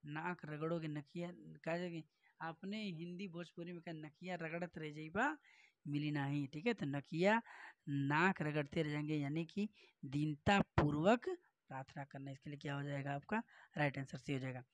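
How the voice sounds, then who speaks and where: A Hindi teacher going through exam practice questions, explaining each answer with rhetorical questions and repetition. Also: male voice, fairly high pitch, moderate pace, dry recording. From northern India.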